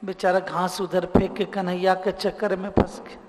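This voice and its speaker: A male preacher narrating a scripture story in an animated, unhurried way. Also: high-pitched, noisy background. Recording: reverberant hall with faint music.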